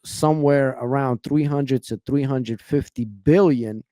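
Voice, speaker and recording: A man's voice: medium pitch, measured pace, warm tone, no echo, clean studio sound. Impassioned young man hosting a podcast. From Ukraine. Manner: impassioned, repeats "man" and "you know what I'm saying". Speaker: podcast host. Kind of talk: podcast interview.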